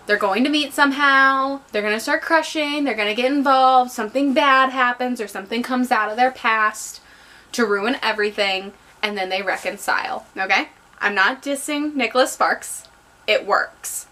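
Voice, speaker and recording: Tipsy woman, bright emphatic book chat. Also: fairly high pitch, normal speed. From southern United States. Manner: rambling, emphatic, repeats herself for stress. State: tipsy from drinking. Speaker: book reviewer. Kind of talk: casual spoiler-free book review chat.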